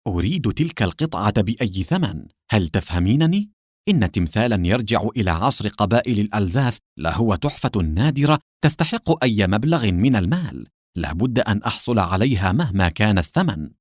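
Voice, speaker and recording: Guy doing sly secret agent guy faking anger, deepish voice, swings around a lot, dry close sound. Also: lively intonation, brisk, darkish tone, dry recording. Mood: feigned anger. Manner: mock-angry, theatrical. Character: cunning male secret agent feigning anger.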